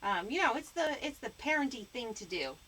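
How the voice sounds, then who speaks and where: A woman's voice: a little high, lively intonation, brisk, pushed and bright, a little hiss or hum, low-quality recording. A woman hosting a live stream, teasing her guest and rambling with fillers in casual banter. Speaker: stream host.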